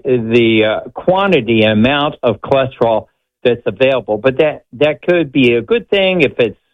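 A man speaking as a medical expert guest on a radio show, explaining conversationally in a halting, measured way. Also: medium pitch. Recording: slightly dull, band-limited audio.

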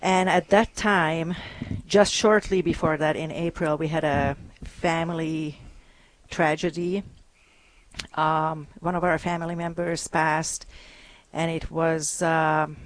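A woman from Hungary, a guest on a radio show, telling her story earnestly with many pauses and ums. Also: low-pitched, steady tone, no room sound. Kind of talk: interview conversation.

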